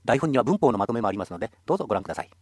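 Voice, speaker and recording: A man's voice: medium pitch, sing-song, rapid-fire, slightly rough, no echo, studio quality. A man teaching a radio language lesson, explaining patiently and encouraging listeners.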